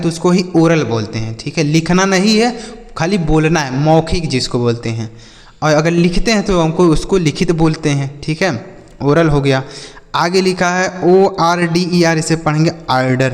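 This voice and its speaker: Guy teaching english words, spells them out slow and repeats stuff, kinda high voice, echoey hall. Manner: repetitive, asks and answers his own questions. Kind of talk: spelling-out vocabulary lesson. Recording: long hall reverb.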